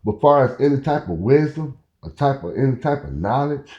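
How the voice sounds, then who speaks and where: A mellow, medium-pitched man in his fifties from Oklahoma hosts a podcast, telling a rambling story at a normal speed with lots of animation. He talks casually and keeps checking in with "you know where I'm coming from." The sound is muffled and echoey, like a bare room.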